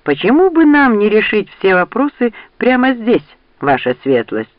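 A man reading a bold young knight who gives orders and mocks his foes. The voice sits fairly high with a dry, close sound. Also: lively intonation, normal speed, dry recording, lo-fi sound, lightly acted. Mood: defiant. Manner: commanding, mocking.

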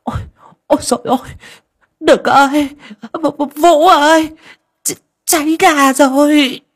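A frail, devout old grandmother from a storybook, acted by a man. She mumbles and trembles as she speaks. Her voice sits high and husky. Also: expressive, measured pace, heavily acted. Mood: panicked.

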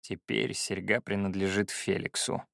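An unflappable sorcerer who answers in a low, quiet, deadpan murmur, as a male audiobook reader puts him on. The recording is dry and close. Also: moderate pace, creaky, dry recording. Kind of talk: audiobook character voice.

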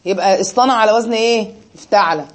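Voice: medium pitch, fast talker, rough recording. A teacher with an Egyptian Arabic accent, explaining a grammar lesson and asking rhetorical questions to check understanding.

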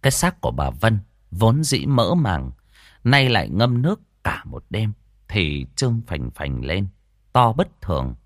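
Man, storyteller, low voice, lively intonation, dry close sound. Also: a little slow, no room sound. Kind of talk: audiobook narration.

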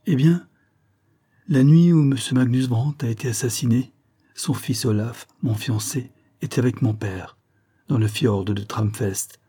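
Male reader playing an anxious young woman in a storybook, earnest and urgent, husky tone. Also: medium pitch, measured pace, dark tone. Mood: earnest pleading. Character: anxious young woman pleading for her fiancé.

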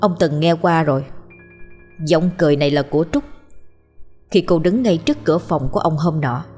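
A woman narrating a horror story in a measured, suspenseful storytelling manner. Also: low-pitched, expressive, warm tone, faint music behind.

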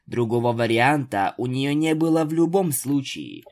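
Man, narrator, storytelling, mid pitch, steady reading. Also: moderate pace. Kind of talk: scripted narration of a fan story.

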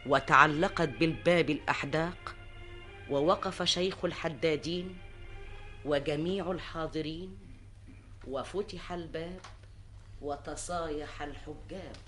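A man narrating a tale in a theatrical, formal rhymed storytelling style, declamatory and measured. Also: fairly high pitch, a bit bright. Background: music.

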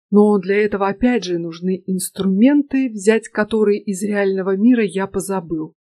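Brief: female audiobook reader, warm dark voice, dry close sound. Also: mid-range voice, no room sound. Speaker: audiobook narrator. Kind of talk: scripted narration.

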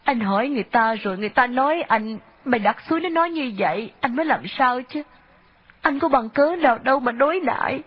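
A woman reading an audiobook, voicing an earnest, worried young woman who asks soft, pleading questions. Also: high voice, animated, a little fast, slightly rough, pitched above the performer's own voice. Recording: dull lo-fi audio.

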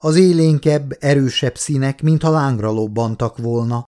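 Brief: male narrator, mid-pitched, even and measured audiobook reading. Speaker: audiobook reader. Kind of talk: scripted narration.

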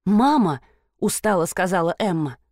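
A woman narrating a story in an even, measured reading voice. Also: on the low side, no echo, clean studio sound. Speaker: audiobook narrator. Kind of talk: scripted narration.

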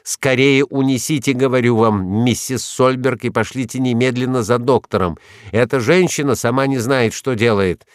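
A man voicing a stern, forceful wealthy husband who barks orders in a hoarse, commanding shout. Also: medium pitch, moderate pace, no echo, studio quality, voice pushed up, close to an everyday voice. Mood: angry.

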